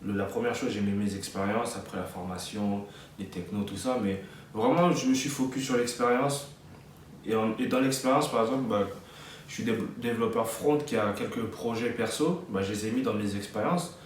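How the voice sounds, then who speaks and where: A man in his twenties from France, giving casual advice in a relaxed, hesitant way with many fillers and restarts. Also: lowish voice, moderate pace. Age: 20s. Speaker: vlogger, front-end developer. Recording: echoey room, mic at a distance, faint noise.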